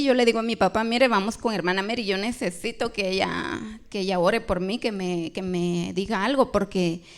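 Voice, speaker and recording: A woman with a fairly high voice shares a personal faith testimony at a church women's gathering. She tells it as a story, slipping into the quoted lines of the people in it. She often tags her phrases with a questioning "right?". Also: clean tone. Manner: storytelling that acts out quoted dialogue.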